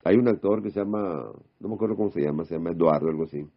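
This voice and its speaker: Low-voiced man preaching, dull recording. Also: rapid-fire. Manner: rhetorical questions with a checking "mm?" tag. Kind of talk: informal sermon.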